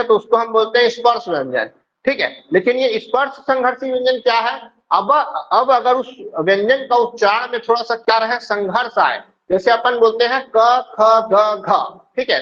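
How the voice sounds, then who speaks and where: A man teaching a classroom lesson who explains step by step, keeps checking that students follow, and answers his own questions. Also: very high-pitched. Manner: asks questions and answers them himself. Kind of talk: classroom lecture. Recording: dull lo-fi sound.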